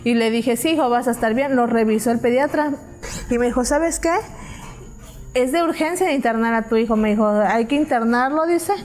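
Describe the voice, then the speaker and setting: A woman's voice: fairly high pitch, moderate pace, darkish tone. A mother giving a personal testimony in church, retelling conversations with hesitant fillers.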